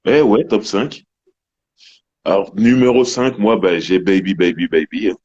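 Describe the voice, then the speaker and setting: A man co-hosting a casual music chat, relaxed and telling anecdotes. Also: low voice, measured pace, breathy edge, dull audio. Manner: relaxed, anecdotal, laid-back. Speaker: podcast co-host.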